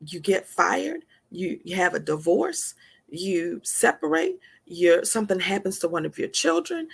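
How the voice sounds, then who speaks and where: A woman's voice: medium pitch, gravelly, husky. A woman in her forties hosting a live stream, giving a heartfelt motivational talk with earnest, repeated, preacher-like emphasis. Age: 40s.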